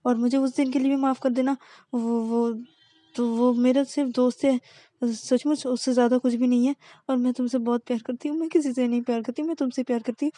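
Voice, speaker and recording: A woman's voice: fairly high pitch, fairly even intonation, fairly quick, mellow, no echo, pitched above the performer's own voice, close to an everyday voice. A woman voicing a young woman who pleads and apologizes, stammering and repeating words. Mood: pleading.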